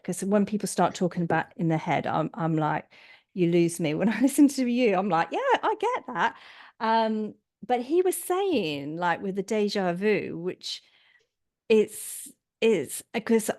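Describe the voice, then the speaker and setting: A woman's voice: medium pitch, darkish tone. A middle-aged woman from England hosting a chat, enthusiastic and rambling. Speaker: host. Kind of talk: casual chat.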